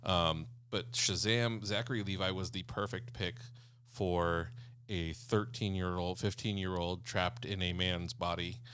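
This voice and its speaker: A man's voice: deep voice, fairly even intonation, a little slow, fairly bright tone. A man co-hosting an entertainment podcast in casual chat, talking eagerly and earnestly with frequent fillers. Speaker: podcast co-host.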